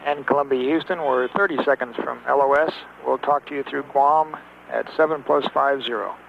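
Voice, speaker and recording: A man at mission control talking to a spacecraft crew over a narrow-band radio transmission, in clipped, halting radio procedure with many fillers. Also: medium pitch, creaky. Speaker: mission control capsule communicator. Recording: tinny radio link with faint hiss.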